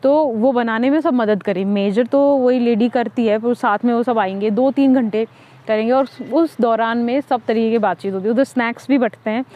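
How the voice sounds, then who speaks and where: A woman from India talks things through on a podcast, thoughtful and unhurried, her voice a little high. She pauses often on filler sounds and drops English words into her speech. The audio is somewhat dull and lo-fi. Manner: reflective, many "अ" fillers, mixes English words. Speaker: podcast co-host. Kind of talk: conversational podcast talk.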